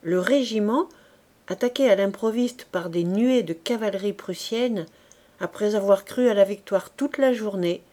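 A woman narrating a classic novel in a measured, clear storytelling manner. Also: medium pitch, dark tone. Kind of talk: reading a classic novel aloud.

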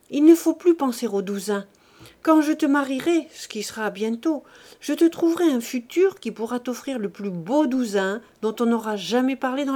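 Femme lisant un vieux père avare et autoritaire. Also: female voice, high voice, mellow, pitched above the performer's own voice. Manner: wheedling then hectoring, emphatic. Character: old miserly cooper father, domineering. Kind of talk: audiobook reading.

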